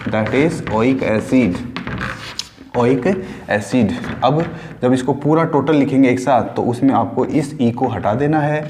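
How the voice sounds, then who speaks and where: A male chemistry teacher giving a lesson in a casual classroom style. He asks questions and answers them himself, mixes in English terms, and repeats key words slowly. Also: mid-range voice, noisy background.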